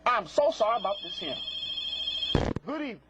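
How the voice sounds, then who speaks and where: A man with a high, sing-song voice briskly hosts a live psychic phone-in on TV, handling prank callers with theatrical sass and scolding. He favors folksy colloquial talk and recycled catchphrases, heard through a muffled lo-fi broadcast with clear noise and clicks.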